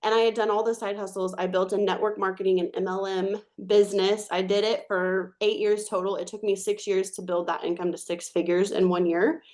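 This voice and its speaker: A woman in her thirties tells her own story on a webinar in an earnest way. Her voice sits at a middle pitch. She builds steadily from hard times toward a hopeful message. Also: level tone, fairly quick, hardly any pauses, darkish tone. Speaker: webinar presenter. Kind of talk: personal success story.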